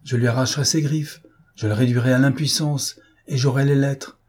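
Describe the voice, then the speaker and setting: A man voicing a proud, defiant gentleman thief in an audiobook, mocking and self-assured. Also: medium pitch, steady tone, moderate pace, pitched above the performer's own voice, lightly acted. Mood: forceful. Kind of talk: audiobook character reading.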